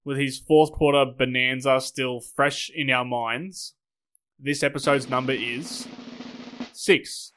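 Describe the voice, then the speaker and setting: Hoarse, upbeat male podcast host. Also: medium pitch, steady tone, unhurried, fairly bright tone, soft background music. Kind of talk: scripted podcast talk.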